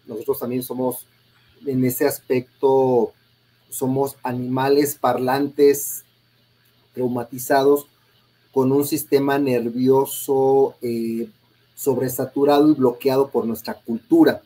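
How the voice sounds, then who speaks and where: A man hosts an interview in a husky, breathy voice with a dark, mellow tone. He thinks aloud in a measured way and pauses on small fillers as he builds his points. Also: mid-range voice, flat delivery, poor audio. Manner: measured, reflective, frequent "este" fillers. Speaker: host. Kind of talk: conversational interview.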